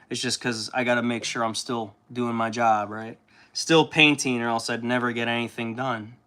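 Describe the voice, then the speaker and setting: A young man with a mid-range voice hosts a casual livestream while painting miniatures. He is chatty and sometimes gets loud and impassioned.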